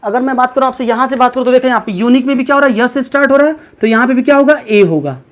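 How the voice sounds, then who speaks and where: A man's voice: extremely high pitch, rapid-fire. A male English teacher giving a live online class, repeating questions and calling on students by name and pet name. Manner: keeps quizzing students, repeats questions, calls them by name and pet names.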